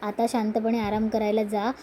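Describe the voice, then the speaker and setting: A woman voicing a caring young businessman husband who gently insists on having his way. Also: medium pitch, completely flat delivery, moderate pace, slight background noise, lightly acted. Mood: firm, caring.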